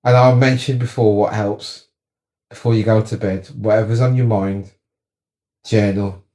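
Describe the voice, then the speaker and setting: Chatty man, mellow. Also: lowish voice, steady tone, measured pace. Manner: chatty, repeats words for stress, demonstrates as he talks. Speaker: wellness coach. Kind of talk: casual advice talk.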